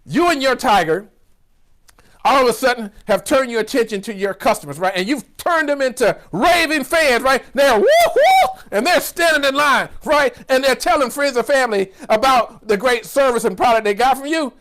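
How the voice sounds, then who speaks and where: A man's voice: extremely high pitch, a little fast, fairly bright tone. A man in his fifties with a Georgia accent, giving an exuberant, preacher-like motivational keynote and tagging his lines with "right?". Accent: Southern US (Georgia). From Georgia, USA. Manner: exuberant, preacher-like, with whoops and a constant "right?" tag. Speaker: business coach, keynote speaker.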